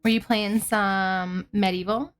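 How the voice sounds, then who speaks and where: A woman's voice: mid-range voice, fairly even intonation, slow, clear, resonant tone, soft background music. A woman from Canada live streaming, chatting casually with viewers in a cute, bubbly anime-streamer manner. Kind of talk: casual livestream chat with viewers.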